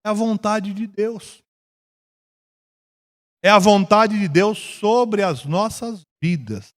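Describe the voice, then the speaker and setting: A Brazilian man leads a church Bible class at an unhurried, deliberate pace, his voice sitting a little high for a man. He stretches his words and swells into emphasis on the verses he reads, and the sound hangs in a long, echoing church hall. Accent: Brazilian Portuguese. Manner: slow, drawn-out delivery with rising emphasis on scripture. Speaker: church teacher.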